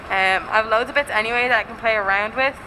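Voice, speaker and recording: A young woman with an Irish accent chats casually to a vlog in a rambling, self-deprecating way. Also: quick pace. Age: young adult. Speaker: student vlogger. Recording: loud traffic and vehicle rumble. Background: bus and street noise.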